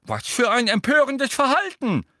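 A man voicing a fussy, indignant old male examiner who protests in a drawn-out, fussy way in an audiobook reading. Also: extremely high pitch, huge pitch swings, pushed and bright, dry recording, clean studio sound, pitched above the performer's own voice, heavily acted.

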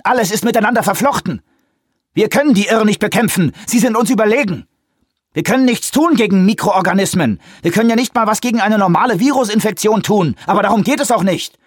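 A man voicing a defiant male scientist who accuses heatedly, with a husky, dry-sounding audiobook voice. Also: sits high, fast, no room sound, pitched above the performer's own voice. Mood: shouting.

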